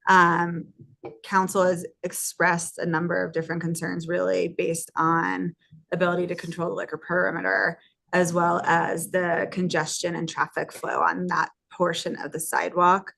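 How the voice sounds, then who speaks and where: A woman council member briefly catching a speaker up on the council's concerns in a measured, hedging way. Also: lowish voice, flat delivery, gravelly, fairly bright tone. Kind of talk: council meeting discussion. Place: council chamber.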